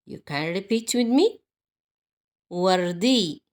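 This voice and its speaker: A woman language teacher with a Moroccan accent leads a repeat-after-me lesson. She speaks very slowly, one word at a time, with lively, varied pitch. Short bits of encouragement punctuate the drill.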